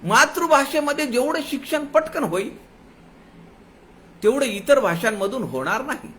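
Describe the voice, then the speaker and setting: A man giving a devotional discourse as a spiritual teacher, explaining patiently, chanting verse lines slowly and dropping folksy asides. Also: extremely high pitch, expressive, fairly bright tone, slight background noise.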